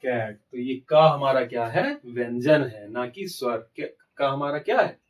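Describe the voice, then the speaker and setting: Male grammar teacher, steady mid pitch, quiz-and-answer delivery, slightly distant mic. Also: unhurried. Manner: asks rhetorical questions and answers them himself. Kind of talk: classroom-style grammar lesson.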